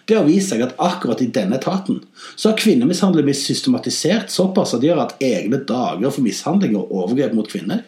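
A man hosts a comedy podcast with a roomy sound, mixing funny stories and satire in a lively voice that rises and falls sharply in pitch and volume, along with dry, sarcastic digs.

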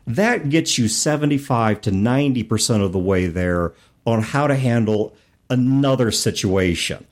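A man with a medium-pitched, slightly mellow voice co-hosts a casual gaming discussion on a podcast. He explains things using rhetorical questions and asides.

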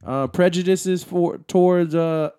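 A man's voice: high-pitched, fairly even intonation, measured pace, mellow, smooth. A man co-hosting a casual podcast, talking in slang and arguing his points by repeating them. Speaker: podcast co-host.

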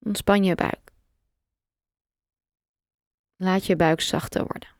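A woman guiding a relaxation meditation, giving slow, calm, soft instructions with long pauses. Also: fairly low pitch, no echo, studio quality. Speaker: meditation guide.

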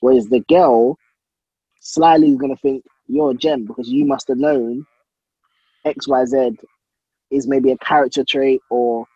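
Husky young London man, roadman slang. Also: medium pitch, steady tone, measured pace, pauses often, dark tone, no room sound, muffled recording. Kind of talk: casual group chat.

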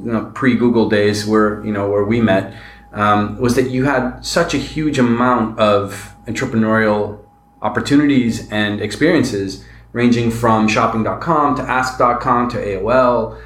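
A man's voice: mid-range voice, echoey room. A man from Latin America hosting an interview podcast, asking long, winding questions full of fillers. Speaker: podcast host.

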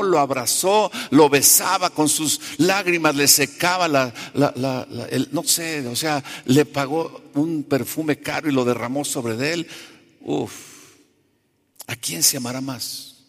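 Man preaching in a reverberant hall. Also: a little high. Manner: keeps asking the congregation questions; conversational, animated preaching. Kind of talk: sermon. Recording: long reverb of a large hall.

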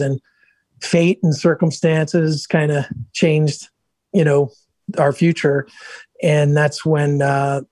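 Middle-aged male guest, slightly higher-pitched, chatty storyteller, dry close sound. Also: darkish tone, no echo. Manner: upbeat, chatty anecdotes with many restarts. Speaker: guest, software entrepreneur. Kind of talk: casual interview storytelling.

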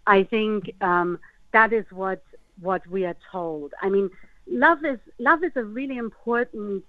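A woman rabbi, a guest on a radio show, gives thoughtful, measured answers over a phone line. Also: medium pitch, dry recording. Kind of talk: calm explanatory interview answers. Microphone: phone call into radio show.

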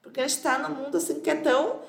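A woman co-hosting a casual podcast chat, lively and teasing, laughing often. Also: sits high, quick pace, vocal fry, echoey room. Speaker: podcast co-host.

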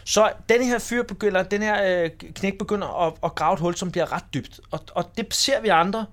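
A man's voice: high voice, a bit bright. A man in his forties telling a school anecdote in a casual chat, acting out the people in the story. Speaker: podcast host.

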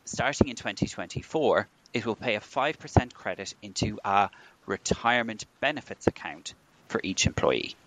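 Low-voiced man reading news. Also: fairly bright tone, rough recording. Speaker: podcast co-host. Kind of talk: scripted pension news summary.

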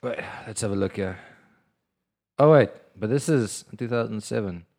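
A man's voice: fairly low pitch, normal speed, darkish tone. A man co-hosting a casual podcast over beers, rambling with many restarts and swearing freely. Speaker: podcast co-host.

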